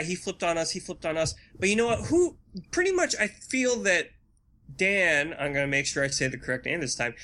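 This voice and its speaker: Picture a man co-hosting a laid-back podcast, his voice sitting a little high and ringing bright and forceful. He banters loosely, tossing in goofy jokes and quick asides. The feel is an easy, unscripted chat between friends. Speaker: podcast co-host. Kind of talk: casual chat.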